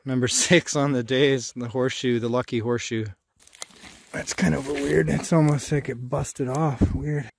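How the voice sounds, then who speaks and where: A man's voice: medium pitch, steady tone, normal speed, gravelly. Casual outdoor vlogger guy, noisy recording. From Canada. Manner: slangy, folksy, enthusiastic. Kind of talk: casual vlog commentary while shed antler hunting. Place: outdoors on wooded, rocky hillsides.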